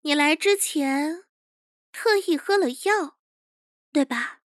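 A woman's voice: high-pitched, slow pace, dry recording, studio quality, pitched above the performer's own voice. A woman voicing a proud, touchy young male interrogation chief with a cocky manner, in an audio drama. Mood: commanding. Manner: cocky, confident.

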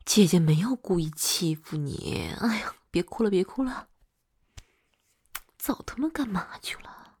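A woman's voice: on the low side, lively intonation, measured pace, a little mellow, exaggerated voice. A woman voicing a hot-tempered but doting older girlfriend in whispered role-play. She swears freely and swings between scolding and coaxing. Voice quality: very breathy, husky.

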